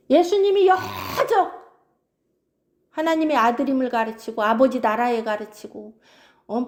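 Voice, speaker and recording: High-voiced lady preaching, lively swoopy delivery, keeps nudging listeners. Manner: animated, keeps prompting listeners with "응?". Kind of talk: expository sermon.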